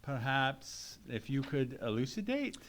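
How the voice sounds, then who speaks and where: A man's voice: mid-range voice, big pitch swings, measured pace. A man playing a genteel, courteous doctor and loyal companion in an old-time radio mystery, speaking in formal Victorian phrases. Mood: puzzled, concerned. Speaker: narrator and actor in a live radio play. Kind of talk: old-time radio drama acting, storytelling. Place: live performance in a theatre.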